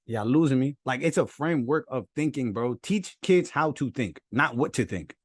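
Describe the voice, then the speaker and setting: A young man co-hosting a podcast in casual, emphatic chat, slangy and quick to laugh. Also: medium pitch, animated, no room sound, studio quality. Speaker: podcast co-host. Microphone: own mic at home, phone nearby.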